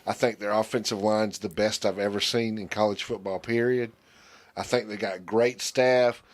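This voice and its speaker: A man's voice: lowish voice, fairly even intonation, moderate pace. Stammering man, chatty podcast host. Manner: rambling, stammering restarts. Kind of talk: casual chat.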